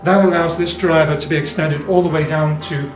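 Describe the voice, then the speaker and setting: Speaking a little fast with a fairly high, fairly even voice, this man is an exhibitor at a hi-fi show. He gives an informal, detailed demonstration of his equipment, explaining technical points in a roomy indoor demo room while music plays.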